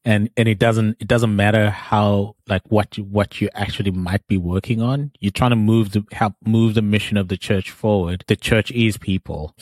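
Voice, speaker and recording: A man's voice: on the low side, no echo, clean studio sound. A man hosting a podcast who asks questions in a friendly, teasing way, with loose phrasing and frequent restarts. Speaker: podcast host. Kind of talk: casual interview questions.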